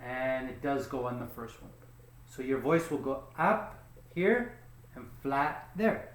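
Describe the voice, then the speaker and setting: A man teaching English pronunciation in a slow, patient lesson, often checking in with "okay?" and stretching out the example words. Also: mid-range voice, animated, reverberant.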